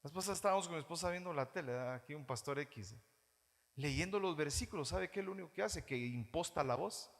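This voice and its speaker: A man with a Guatemalan Spanish accent preaching a sermon as pastor, animated, mimicking churchgoers in mocking voices. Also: a little high, fast talker. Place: church hall. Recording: reverberant church hall.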